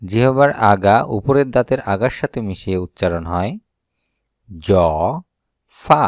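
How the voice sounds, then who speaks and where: A man with a Bangladeshi Bengali accent teaching the sounds of the Arabic alphabet, repeating each point slowly and deliberately. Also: lowish voice, no room sound, studio quality. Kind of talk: slow instructional explanation.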